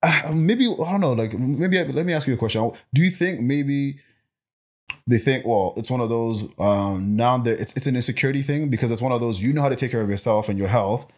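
A man talking as a guest on a podcast, a personal trainer who speaks in an animated way, full of fillers and acted-out quotes. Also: medium pitch, a little fast. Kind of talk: casual podcast conversation.

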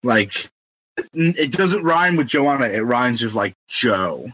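A young man chats casually, throwing out joke guesses and laughing a lot. His pitch swings freely and his tone is bright and forward, recorded dry and close. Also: big pitch swings, unhurried, husky, no echo, poor audio. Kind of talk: casual chat.

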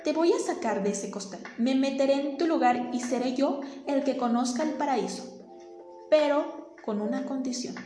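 A woman voicing an old, kind male farmer who speaks gently and earnestly in a storybook tale. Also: sits high, normal speed, lightly acted. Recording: echoey room with faint music.

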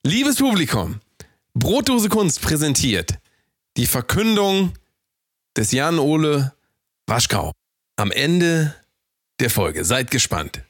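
A man's voice: fairly high pitch, sing-song, slow, long pauses, dry recording, clean studio sound. A man co-hosting a podcast in joking, casual chat, with playful mock-announcer flourishes. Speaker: podcast co-host.

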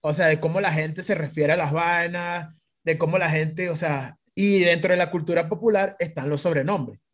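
Venezuelan man, casual storyteller, high voice, swings through voices and laughs a lot. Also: normal speed. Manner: animated storytelling, acts out quoted voices, laughs often. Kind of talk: casual chat.

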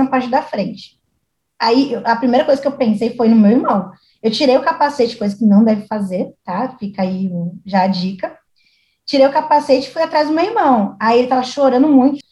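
Uma jovem mulher com sotaque brasileiro contando uma história de forma animada, imitando as vozes das pessoas da história. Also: female voice, high voice. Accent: Brazilian Portuguese. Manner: animated, acts out quoted voices. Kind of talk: casual storytelling chat. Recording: echoey room.

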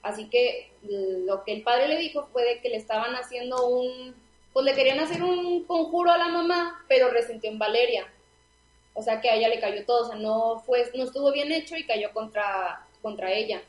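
A woman's voice: fairly high pitch, normal speed, roomy sound, low-quality recording. A young woman, co-hosting a podcast and recounting a story in rambling casual chat. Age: young adult. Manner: rambling narration with fillers. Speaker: podcast co-host.

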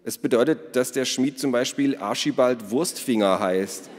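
A man voicing a grumpy, clumsy boy who talks loudly with a whiny, sarcastic edge, in a storybook reading with long reverb. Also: mid-range voice, normal speed, voice pushed up, lightly acted. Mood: grumbling.

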